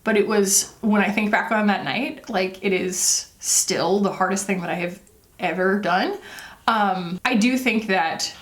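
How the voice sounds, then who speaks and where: A woman's voice: mid-range voice, measured pace. Candid, empathetic woman chatting casually. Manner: candid, empathetic, conversational with emphatic asides. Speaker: beauty vlogger. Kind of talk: casual confessional chat while doing makeup.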